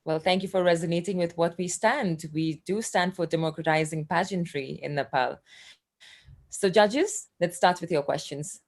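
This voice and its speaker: A woman hosting a pageant Q&A round, moderating in a brisk and friendly way. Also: lowish voice, darkish tone. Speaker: pageant host.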